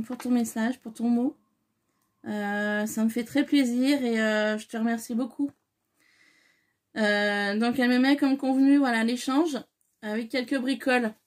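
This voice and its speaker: A woman's voice: on the high side, steady tone, measured pace, a little mellow. A woman chatting casually to camera as she unpacks a parcel, effusive and full of hesitant fillers. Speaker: scrapbooking vlogger. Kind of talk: casual unboxing chat.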